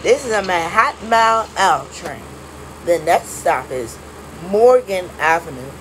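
A woman making recorded subway train announcements, stop by stop in a flat, measured announcer delivery. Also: lowish voice, a little hiss or hum, low-quality recording.

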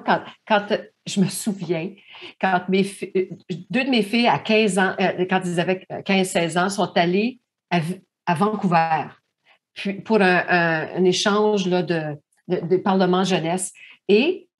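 A woman's voice: fairly low pitch, measured pace. A woman with a Franco-Manitoban French accent, speaking as a panelist in a discussion, thoughtful and often restarting her sentences. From Manitoba, Canada.

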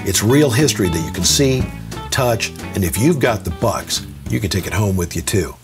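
Male narrator, fairly low, scripted promo read over background music. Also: animated, moderate pace. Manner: smooth promotional delivery.

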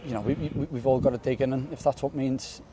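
Quick-talking young footballer after a match. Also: male voice, mid-range voice, fairly even intonation, heavy background noise. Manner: quick, earnest, repeats words while thinking. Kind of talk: post-match interview. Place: floodlit football stadium pitch at night, outdoors. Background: faint outdoor stadium ambience.

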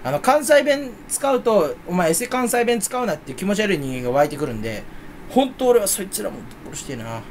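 Fast, lively young man chatting alone. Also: high voice, a little hiss or hum. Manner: rambling, playful, self-mocking; mock Kansai dialect in quoted bits. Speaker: streamer. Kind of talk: solo casual chat.

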